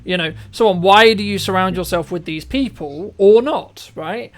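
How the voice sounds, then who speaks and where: An interview host and filmmaker runs a conversational business interview, his voice sitting high at a moderate pace. He speaks emphatically, poses rhetorical questions, and frequently checks that the listener agrees.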